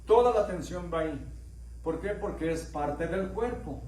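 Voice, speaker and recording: High-pitched and animated, yet a little mellow and at a moderate pace, this middle-aged Mexican pastor preaches conversationally. He tells stories, asks the congregation questions, and acts out dialogue in raised voices, with a slightly mixed Mexican accent. He's far from the mic in an echoey church sanctuary.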